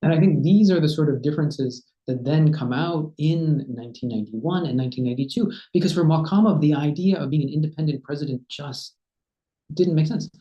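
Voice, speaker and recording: A male historian appearing as a guest speaker answers a question in an academic talk, lecturing in a measured way with frequent "uh" and "right?". His voice is on the high side with a dark tone, picked up by a laptop webcam on a video call that sounds dull and echoey. He's in a home study lined with bookshelves.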